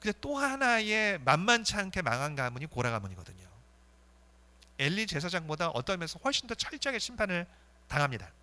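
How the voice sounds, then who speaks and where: A male pastor preaching a sermon in an earnest way, with swings between fervent rises and soft, intense drops. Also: fairly high pitch.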